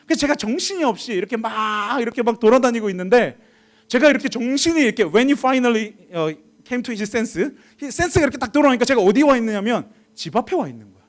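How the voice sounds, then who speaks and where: A young man delivers a sermon at a church service and tells a personal story with dramatic flair. His voice sits high, and its pitch rises and falls a great deal. He swings from near shouts down to hushed whispers as he acts out the people in the story. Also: expressive, brisk. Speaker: preacher.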